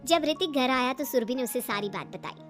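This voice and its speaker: A woman's voice: high voice, animated, fairly quick, over music. A woman narrating a cartoon story in a plain storybook manner.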